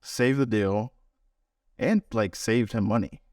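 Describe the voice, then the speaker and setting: A man co-hosting a casual talk show, his voice on the low side. He tells stories in an animated way, acting out what people said. The room is dry, and he sits a little back from the mic. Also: takes it slowly, dry recording, far from the mic. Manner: animated storyteller acting out quotes. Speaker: podcast co-host. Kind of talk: casual storytelling.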